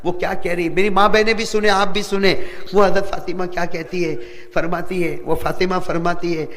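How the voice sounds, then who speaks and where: A man's voice: high voice, little pitch movement, a bit bright, big-room sound. A male preacher telling a story in an emotional sermon, passionate and always asking his listeners questions. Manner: impassioned, keeps asking the audience questions.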